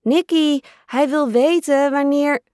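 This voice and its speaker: A woman's voice: sits high, takes it slowly, darkish tone, no room sound, clean studio sound, pitched above the performer's own voice. A woman voicing a pushy, whiny little girl who pesters her older sister. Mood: insistent. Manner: whiny, pleading.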